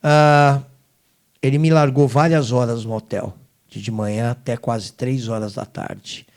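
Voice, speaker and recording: A middle-aged man recounts a hard trip as a guest on an interview show. His voice sits at an ordinary male pitch. He jumps from loud, pressing emphasis to hushed, low-voiced asides as the story turns. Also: flat delivery, measured pace. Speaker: guest singer. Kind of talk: emotional storytelling testimony.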